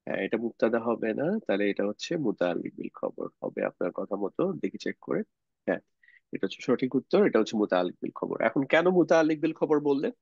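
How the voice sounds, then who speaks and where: A man teaching Arabic grammar in an online class, explaining slowly and quizzing his students, over a computer mic. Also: medium pitch, huge pitch swings, vocal fry, darkish tone, husky, no room sound. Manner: explains slowly, poses questions to students, mixes English words. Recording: dull lo-fi sound, dry.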